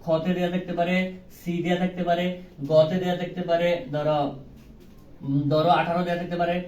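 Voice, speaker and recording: A man's voice: high voice, level tone, normal speed, a little mellow. A young man teaching a live online class, asking questions and answering them himself in a casual, joking way. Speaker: online tutor. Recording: roomy, distant mic with faint ambience.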